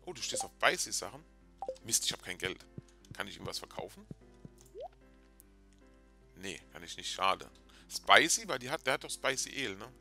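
A chatty, excitable man hosting a video game let's play and talking casually to his viewers. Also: lowish voice, moderate pace, creaky, long pauses. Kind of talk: casual gameplay commentary. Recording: game music in background.

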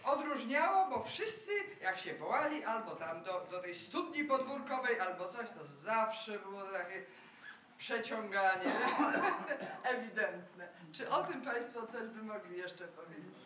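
A woman's voice: mid-range voice, lively intonation, moderate pace, hardly any pauses, fairly bright tone, a little hiss or hum. A woman from Kraków, a university lecturer, asking a panel a question from the audience in a chatty, hesitant way. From Kraków, Poland. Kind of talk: question from the floor in a debate. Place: event hall with an audience. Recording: roomy sound from far off the mic.

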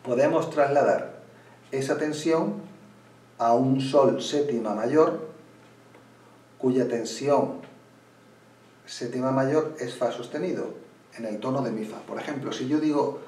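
A man teaching flamenco guitar, explaining slowly and pausing as he plays, sometimes restarting a phrase. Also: medium pitch, darkish tone. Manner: unhurried, pauses while playing, restarts phrases. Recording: roomy room, mic at a distance. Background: guitar playing.

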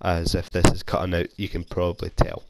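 With heavy background noise around him, a young Scottish gaming YouTuber speaks in a deep, gravelly, monotone voice at a fairly quick clip. He has a cold and gives casual, self-deprecating, rambling commentary on his video game through a console headset mic.

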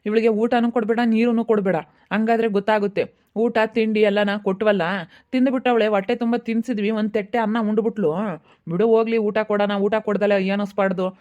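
A woman playing a flat-voiced scolding captor. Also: mid-range voice, a little fast, dull audio, close to an everyday voice. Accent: Kannada, Chitradurga region. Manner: scolding, taunting, flat threats. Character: bitter female captor scolding her prisoner. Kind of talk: amateur village drama.

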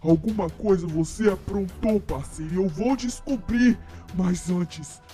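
A woman voicing an angry, brutish male dinosaur father, gruff and threatening. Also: lowish voice, a little slow, warm tone, soft background music, pitched below the performer's own voice, natural voice. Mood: hostile.

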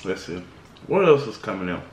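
Man talking while eating, low voice, roomy echo, faint background hum. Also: brisk. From Caribbean. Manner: relaxed, rambling, with food murmurs. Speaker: vlogger and DJ. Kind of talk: casual mukbang vlog chat.

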